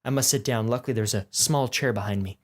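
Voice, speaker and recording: A fast-talking nineteen-year-old man with a mid-range voice reads viewer comments in a casual vlog. He's goofy and self-deprecating, swears, and often erupts in mock outrage.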